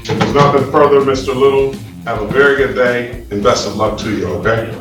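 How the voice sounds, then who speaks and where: Stern judge on an echoey courtroom recording. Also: male voice, medium pitch, a little fast, far from the mic. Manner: stern, firm, interrupts to keep control. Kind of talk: courtroom proceedings. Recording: echoey courtroom from afar, faint music.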